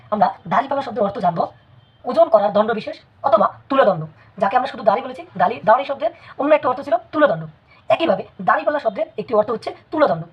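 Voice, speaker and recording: Woman, raspy breathy voice, slightly high, measured lesson delivery. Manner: measured, repeats words for emphasis. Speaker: language teacher. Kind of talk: spelling lesson. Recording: dull lo-fi recording.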